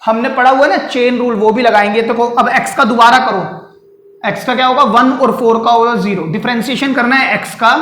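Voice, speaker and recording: A man's voice: very high-pitched, fairly even intonation, normal speed, bright, forceful tone. A man teaching a maths lesson at a board, explaining step by step and putting questions to his students, then answering them himself. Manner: calls students "beta" and "sir". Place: classroom with a board. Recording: echoey room.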